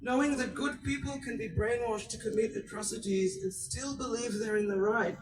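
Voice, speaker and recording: A woman born in Israel, giving an earnest, measured prepared speech at an outdoor protest rally. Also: fairly high pitch, distant mic, background noise. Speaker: rally speaker.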